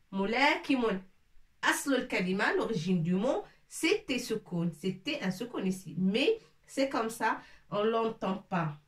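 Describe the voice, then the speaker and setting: Patiently repeating each word and checking comprehension, a woman teaching Arabic leads a slow lesson in French sprinkled with Arabic terms. Her voice is mid-range and a bit bright, caught from afar in an echoey room.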